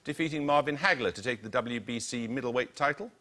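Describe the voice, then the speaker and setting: Male quiz host, bright, precise delivery, reads questions crisply. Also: medium pitch, quick pace. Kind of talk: reading quiz questions and team introductions.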